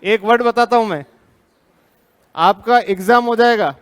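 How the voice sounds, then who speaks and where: A man's voice: sits high, unhurried, fairly bright tone, smooth. An Indian man teaching a live class, drilling students with repeated questions, firm and teasing.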